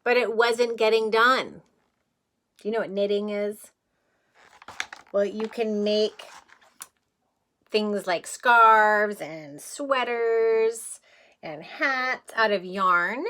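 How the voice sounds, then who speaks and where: Speaking slowly in a mid-range voice and pausing often, a kindergarten teacher shares a picture book with young children. She quizzes her listeners, breaks down words plainly, and brings the story to life with expressive reading and frequent chuckles.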